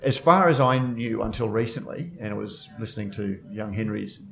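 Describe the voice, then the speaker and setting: A man's voice: on the low side, animated, moderate pace, creaky, soft background music. A man in his fifties hosting a podcast, asking chatty, wry questions. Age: 50s. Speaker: podcast host. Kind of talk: casual interview chat.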